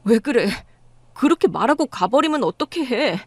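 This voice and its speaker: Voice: medium pitch, very animated, normal speed, no echo. A woman voicing a flustered young husband who pleads with his wife. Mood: pleading.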